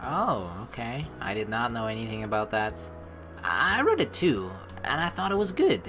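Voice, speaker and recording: A woman doing a let's play stream reads a game's text aloud and tosses in casual, teasing comments of her own. Her voice is a rumbling low, sing-song at a moderate pace. Game music plays in the background.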